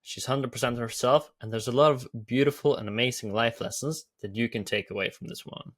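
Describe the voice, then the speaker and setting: A man with a Norwegian accent hosts a video, explaining lessons in an eager, upbeat way. His voice is mid-pitched and plain, and he leans on repeated phrases for emphasis. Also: fairly quick, fairly bright tone. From Norway. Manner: enthusiastic, repetitive phrasing. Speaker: YouTube host. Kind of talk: commentary.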